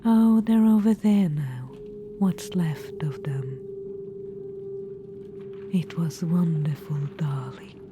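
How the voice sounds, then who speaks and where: Over music, a woman speaks low and slow, leaving long pauses. She whispers an audio roleplay as an imperious undead witch-queen with gleeful, macabre relish, cooing "darling" at the listener in a mood of doting menace.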